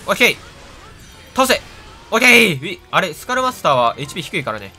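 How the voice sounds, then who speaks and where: A man with a Kansai accent casually commenting on his own gameplay, chatty and self-mocking, with loud reactions to the game. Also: sits high, big pitch swings, fast talker. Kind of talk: casual let's-play commentary. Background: game music.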